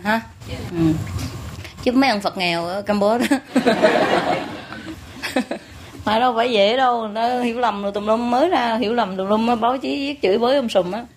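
A woman's voice: on the high side, a little hiss or hum. A woman with a Southern Vietnamese accent giving an informal, joking teaching talk to her followers, often tagging her points with questions. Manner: chatty, joking, full of rhetorical tag questions. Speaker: spiritual teacher. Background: audience laughter.

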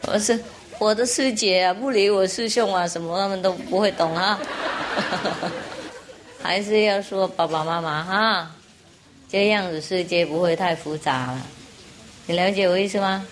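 A woman with a medium-pitched voice gives a joke-telling talk to an audience, a crowd audible behind her. She speaks a little slowly and pauses often, rambling playfully with forgetful asides and frequently laughing between lines.

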